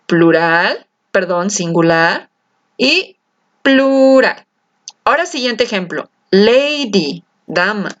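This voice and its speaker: A woman teaching an English grammar lesson, lively and coaxing, asking her students questions and stretching out key words. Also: mid-range voice. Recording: slightly dull lo-fi sound.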